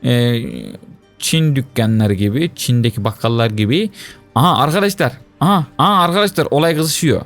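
A young man giving lively Let's Play commentary, talking to his viewers, complaining dramatically and shrieking and wailing whenever he fails. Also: mid-range voice, moderate pace, soft background music. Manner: excitable, shrieks and wails when he fails. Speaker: gaming YouTuber.

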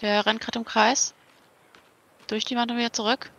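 A woman's voice: on the high side, level tone, moderate pace, vocal fry, a bit bright. A woman chatting casually with a co-player during a video game. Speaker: let's play gamer. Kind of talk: casual gaming chat with a co-player.

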